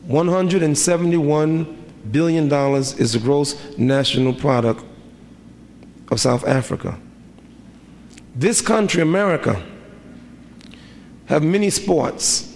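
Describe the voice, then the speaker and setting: A man's voice: on the high side, expressive, takes it slowly, gravelly, pauses often, darkish tone, a little hiss or hum. A middle-aged man preaching a sermon as an imam, with a rhythmic delivery full of repeated rhetorical questions. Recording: reverberant hall, faint ambience.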